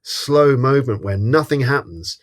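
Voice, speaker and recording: A man's voice: mid-range voice, a little slow. A man co-hosting a podcast, talking through a comedy film in a thoughtful, hesitant way with many restarts. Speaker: podcast co-host. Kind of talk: casual film review chat.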